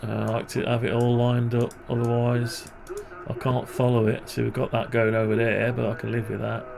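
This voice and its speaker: A man's voice: mid-range voice, completely flat delivery, moderate pace, gravelly, crowd noise. A man presenting a programming tutorial, thinking aloud as he works and grumbling wryly to himself. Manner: muttering, wry grumbling asides. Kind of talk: thinking aloud while working on screen.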